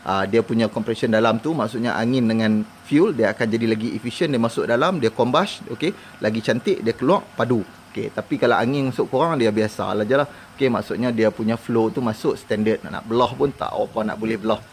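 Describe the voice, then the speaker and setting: A man's voice: mid-range voice, a little fast, slight background noise. A man with a Kedah Malay accent giving a casual, colloquial hands-on review of motorcycle parts, explaining step by step.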